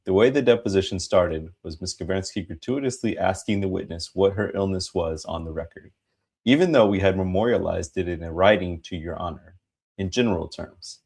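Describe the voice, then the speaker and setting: A man giving a dramatic reading of a court transcript as an attorney, formal and emphatic, with a gravelly, husky voice. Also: deep voice, brisk, darkish tone. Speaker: reader voicing an attorney in a hearing.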